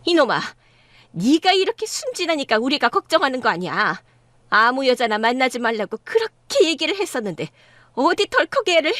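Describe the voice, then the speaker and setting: A woman's voice: sits high, very animated, fairly quick, a bit bright, no room sound. A woman voicing a scornful, domineering middle-aged mother-in-law in a dramatized story. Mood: scolding. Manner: sneering, scolding.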